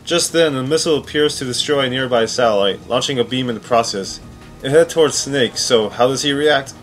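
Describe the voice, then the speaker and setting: A fairly fast-talking man with a mid-range pitch riffs sarcastically on video game scenes for a countdown. He's informal, often incredulous, and swears freely. Music plays behind his voice.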